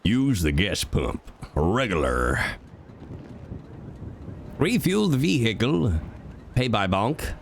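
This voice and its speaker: A man's voice: lowish voice, sing-song, takes it slowly, vocal fry, long pauses, slight background noise. A man streaming a roleplay game, chatting to viewers with a stuffy nose from a cold, rambling and swearing freely. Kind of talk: casual chat to viewers while playing.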